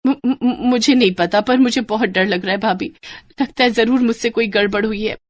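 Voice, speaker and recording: Woman doing a scared young teen girl for a cartoon story, soft and shaky, stammers and trails off, higher than her usual voice. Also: normal speed, lightly acted. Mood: frightened. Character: timid, frightened teenage girl. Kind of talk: animated storybook voice acting.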